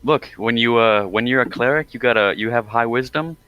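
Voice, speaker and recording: A man's voice: medium pitch, fairly quick, bright, forceful tone, smooth, dull audio. A man playing a cleric in a tabletop game, chatting casually, eager and joking. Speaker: player, cleric.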